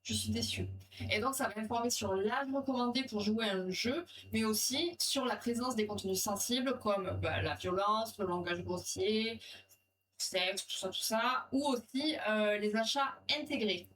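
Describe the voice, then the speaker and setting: A woman's voice: fairly high pitch, normal speed, a bit bright, slight background noise. A French woman hosting a live stream, chatting casually with viewers and reading out quiz questions in a rambling, easygoing way. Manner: chatty, rambling, reads viewer comments aloud. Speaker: livestream host. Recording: distant mic with music behind.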